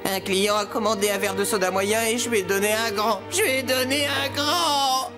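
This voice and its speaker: An actor voicing a naive, childlike, overzealous cartoon fry cook, earnest, dramatic and excitable. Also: male voice, high voice, normal speed, music in the background. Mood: distraught shame. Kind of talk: exaggerated cartoon voice acting.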